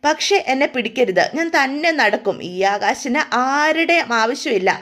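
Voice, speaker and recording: A woman voicing a stubborn, boastful young man who is drunk, talking slowly and defiantly. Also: sits high, expressive, a bit bright. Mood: drunkenly defiant. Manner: slurred, slow, defiant drunken talk.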